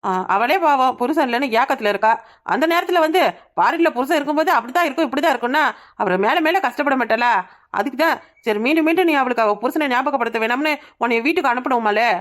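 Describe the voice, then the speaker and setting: A woman's voice: sits high, lively intonation, quick pace. A woman voicing a village woman in a cartoon comedy, who coaxes a sulking friend. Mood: coaxing. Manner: coaxing, explaining.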